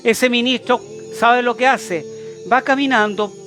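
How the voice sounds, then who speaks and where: A man's voice: very high-pitched, fairly even intonation, unhurried, a bit bright, soft background music. A man with a Chilean accent preaching a sermon as an apostle, emphatic and repetitive, with many rhetorical questions to his listeners. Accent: Chilean Spanish.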